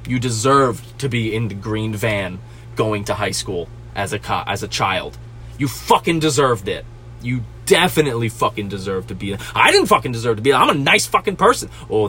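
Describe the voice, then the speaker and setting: A man's voice: mid-range voice, sharp tone, a little hiss or hum. A man hosting a podcast, ranting furiously about restaurant customers, swearing constantly and stammering when angry. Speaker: podcast host and restaurant cook.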